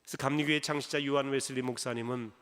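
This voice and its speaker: A male pastor preaching a sermon, telling a story and acting out its lines in a lower voice. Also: steady tone, quick pace, fairly bright tone. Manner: acts out dialogue in a lower voice, urgent emphasis. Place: church sanctuary. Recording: church hall reverb.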